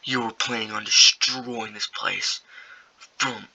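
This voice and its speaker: A man voicing a defiant alien warrior who speaks in a hushed but firm voice. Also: mid-range voice, little pitch movement, slow, a little hiss or hum, rough recording.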